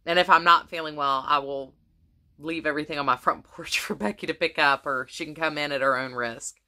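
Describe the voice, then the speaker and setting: A woman's voice: low-pitched, a little fast, pushed and bright. Chatty woman with a fading voice. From United States. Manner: rambling, many ums and restarts. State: losing her voice. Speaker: crafting vlogger. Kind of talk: casual chat to camera.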